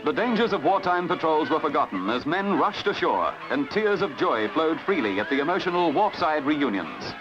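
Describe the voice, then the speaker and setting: Guy narrating an old newsreel, kinda high voice, formal and punchy, muffled lo-fi sound with loud music under it. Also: very animated, moderate pace, few pauses. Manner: formal, declamatory.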